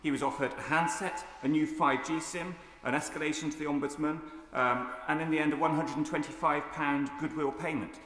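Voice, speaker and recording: Man, fairly high voice, slightly halting formal debate delivery, long hall reverb. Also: steady tone, fairly bright tone, slight background noise. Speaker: member of parliament. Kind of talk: formal parliamentary debate intervention. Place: large indoor debating chamber.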